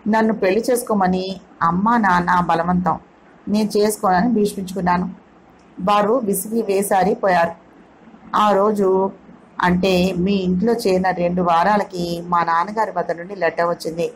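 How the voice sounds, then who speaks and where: A woman's voice: medium pitch, fairly even intonation, normal speed, slight background noise, lightly acted, poor audio. Female reader voicing a good-natured young male suitor, amused and easygoing, audio novel read. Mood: explaining. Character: young man, teasing and good-humored suitor.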